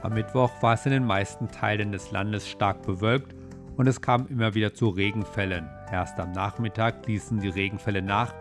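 Low-voiced male news reader over music. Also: vocal fry. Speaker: news and weather presenter. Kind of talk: scripted news reading.

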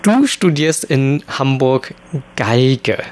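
A man's voice: mid-range voice, animated, extremely slow, a little hiss or hum. A man hosting a radio magazine, interviewing a student by phone and asking friendly, conversational questions.

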